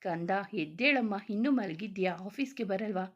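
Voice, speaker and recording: A woman reading the lines of a caring young husband in a spoken story, gentle and soothing. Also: mid-range voice, lively intonation, normal speed, dull audio, close to an everyday voice. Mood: tender. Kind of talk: read-aloud story dialogue.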